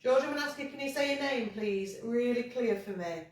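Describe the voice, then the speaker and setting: A woman's voice: on the high side, a little fast. Woman coaxing spirits in an echoey cellar. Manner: gentle coaxing, calls spirits sweetheart. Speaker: paranormal investigator. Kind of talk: ghost hunt calling out to spirits. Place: pub cellar. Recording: very echoey room from far off.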